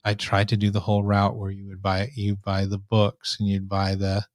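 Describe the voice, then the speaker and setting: A man's voice: fairly low pitch, completely flat delivery, moderate pace, darkish tone, no room sound, studio quality. A man with a nasal voice, chatting casually as a live host, right up against the microphone. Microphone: microphone right up close.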